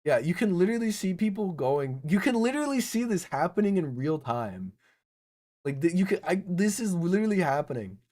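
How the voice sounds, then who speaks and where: A man's voice: sits high, sing-song, brisk, mellow. A young man hosting a reaction commentary, ranting incredulously with stumbling restarts and repeated words. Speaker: online video host.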